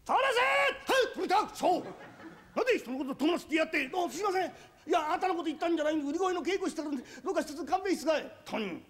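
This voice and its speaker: A man playing a naive young master turned peddler with an Edo Tokyo accent, muttering to himself and stammering through long drawn-out vendor cries. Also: extremely high pitch, animated, pitched above the performer's own voice. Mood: rehearsing. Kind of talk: rakugo storytelling.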